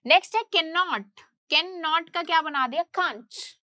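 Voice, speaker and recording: High-voiced woman teaching grammar. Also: sharp tone, no room sound, studio quality. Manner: asks questions then answers them herself; reads English definitions slowly, explains in Hindi. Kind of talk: grammar lesson.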